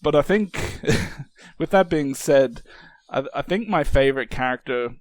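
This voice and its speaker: A man in an easygoing movie chat on a podcast, chuckling through his points and stumbling into restarts. His voice sits at an ordinary middle pitch. The sound is dry and close, with no room around it. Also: expressive, measured pace, dry recording. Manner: laughs often, restarts sentences, quotes lines in high put-on voices. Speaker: podcast co-host.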